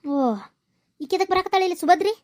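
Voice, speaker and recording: Woman doing a scheming north karnataka housewife, high quick voice, bossy and hushed. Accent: North Karnataka Kannada. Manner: hushed, conspiratorial instructions. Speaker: scheming homemaker in a family skit. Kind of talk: village family drama acting.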